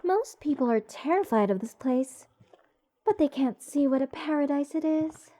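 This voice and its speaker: A high, expressive, mellow-voiced woman, working as a voice actor, plays a mage who is eccentric and besotted with cursed creatures. Addressing the listener in a rambling, whimsical fantasy ASMR roleplay, she gushes slowly and dotingly with theatrical whimsy. The mood is dreamy and fond.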